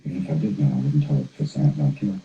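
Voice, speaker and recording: A gruff widowed Boston therapist. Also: male voice, a bass voice, expressive, fast, a little hiss or hum. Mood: wistful. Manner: blunt, coarse, reflective. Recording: dull, roomy film soundtrack.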